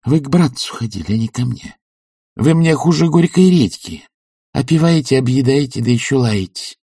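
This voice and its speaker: Man doing a meek landlady, soft husky grumbling, kinda gravelly and dark. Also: mid-range voice, expressive, moderate pace, no room sound, clean studio sound, pitched above the performer's own voice. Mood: quiet reproach. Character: meek landlady, a widow, quietly indignant.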